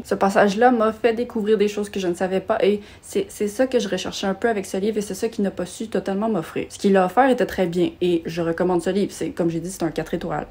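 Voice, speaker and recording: With a mellow, mid-range voice, this Quebec French-accented young woman talks through book reviews for her vlog. The tone is casual, self-deprecating, and sprinkled with small rants.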